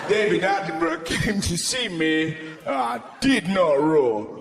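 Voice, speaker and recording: A man's voice: on the high side, sing-song, a little slow, gravelly, reverberant, big-room sound, loud music behind the voice, heavily acted. A man doing an indignant ranting lion. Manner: indignant ranting, shouted outbursts. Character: grumpy male lion in a zoo, indignant. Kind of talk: stand-up comedy bit. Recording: live stage recording with audience laughter.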